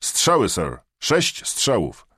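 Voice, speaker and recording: A disciplined Marine sergeant gives short, formal reports, composed yet loud and out of breath, as a male audiobook narrator puts him on. His husky voice is raised above the narrator's low register, and the sound is dry and close. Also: expressive, moderate pace, dry recording. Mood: reporting.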